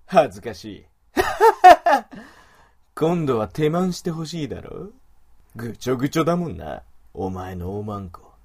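A man voicing a domineering, mocking male wolf creature in an adult audio drama, with rough, commanding speech. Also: medium pitch, big pitch swings, moderate pace, darkish tone.

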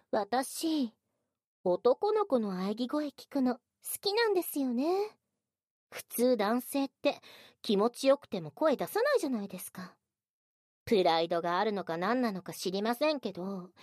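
Young witch, voiced by a woman, teasing, domineering, high pitch, lively swoops, close dry audio role-play. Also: measured pace, no echo.

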